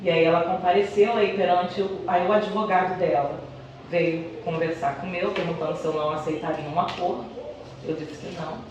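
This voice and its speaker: A middle-aged Brazilian schoolteacher, speaking fairly quickly with a fairly low pitch and fairly even intonation, tells personal stories as a conversational interview guest. She sits far from the mic in an echoey indoor room with a noisy background.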